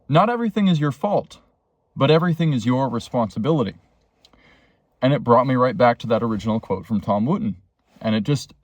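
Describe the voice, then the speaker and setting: A man's voice: mid-range voice, dry recording. Man musing from the roadside. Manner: rambling, earnest, many fillers. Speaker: vlogger. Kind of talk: reflective self-help monologue. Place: beside a road, waiting for a tow truck.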